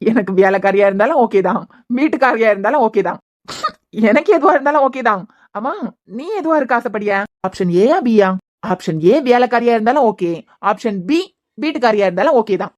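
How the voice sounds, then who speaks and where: A woman's voice: on the high side, lively intonation, brisk, lo-fi sound, close to an everyday voice. Patient cartoon husband, playful and pleading, Kanyakumari Tamil accent, played by a woman. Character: teasing patient young husband. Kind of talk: cartoon web series voice acting.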